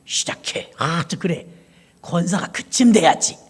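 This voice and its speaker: A woman pastor voicing an older church deaconess who urges her on in a low, hushed voice. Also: lively intonation, takes it slowly, slightly rough, exaggerated voice. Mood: urging.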